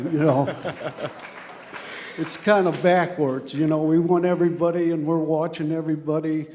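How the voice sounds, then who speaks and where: An older man, a retired football coach telling stories slowly and reflectively in an on-stage interview. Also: on the high side, dark tone. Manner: slow, reflective storytelling with a chuckle. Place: large banquet hall. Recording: reverberant banquet hall.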